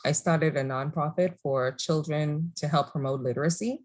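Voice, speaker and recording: A woman from the Bahamas, answering interview questions in a measured, thoughtful way and laughing easily. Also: low-pitched, a little mellow. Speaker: guest entrepreneur. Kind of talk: conversational interview.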